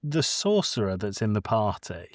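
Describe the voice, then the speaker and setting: A British man co-hosts a podcast, chatting casually about films with blunt, joking humor. His voice sits on the low side and has a sing-song lilt at a moderate pace. The studio-quality recording has no echo.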